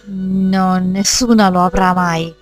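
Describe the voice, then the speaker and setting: A woman playing a jealous, possessive mother spirit who speaks low, slow and cold. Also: fairly even intonation, music in the background, natural voice.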